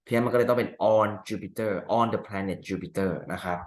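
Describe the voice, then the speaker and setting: A male teacher walking through exam answers step by step, asking rhetorical questions and reading example sentences slowly. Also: on the low side, steady tone, reverberant. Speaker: English teacher. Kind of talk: exam answer walkthrough lesson.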